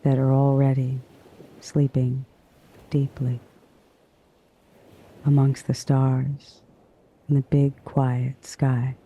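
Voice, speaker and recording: Guy doing sleep hypnosis, super slow and soothing, pretty flat pitch, hushed with big gaps between phrases. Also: muffled recording. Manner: hushed, soothing, drawn-out phrases with long pauses. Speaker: hypnosis narrator. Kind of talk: sleep hypnosis, guided bedtime narration.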